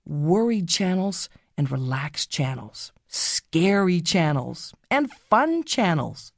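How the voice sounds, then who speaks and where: Woman narrator for children's guided meditation: unhurried, soothing, gently instructive, with melodic pitch movement and a close, dry sound. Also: big pitch swings, vocal fry, no room sound. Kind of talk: scripted guided meditation story.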